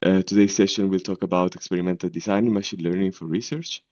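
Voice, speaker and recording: Man moderating webinar, very low pitch, mellow dark tone, dry dull sound. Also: fairly even intonation, fast, no echo. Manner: polite, self-deprecating, with fillers. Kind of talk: introducing a speaker.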